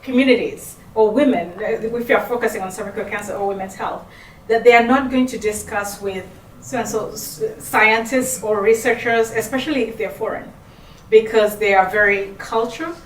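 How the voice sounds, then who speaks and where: A woman from Uganda interviewing a guest, asking long questions in a halting way with many fillers. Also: on the high side. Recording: echoey room, distant mic, faint noise.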